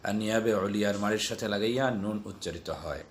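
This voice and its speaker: A man teaching Quran letter pronunciation, explaining carefully and chanting syllable drills in a slow, sung tone. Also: lowish voice, slight background noise.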